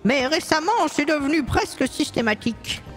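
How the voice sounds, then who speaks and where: A woman putting on a fretful older woman who runs a café, high-pitched and swooping through her lines. She hesitates and fusses over her husband as she speaks in this game fan dub, with soft music faintly behind. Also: lively intonation, moderate pace. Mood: anxious. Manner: hesitant, fussy, many sighing fillers.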